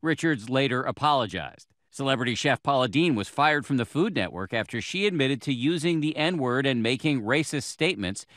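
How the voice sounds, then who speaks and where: A man's voice: medium pitch, expressive, moderate pace, hardly any pauses, fairly bright tone. An American man narrating a scripted news report as a reporter.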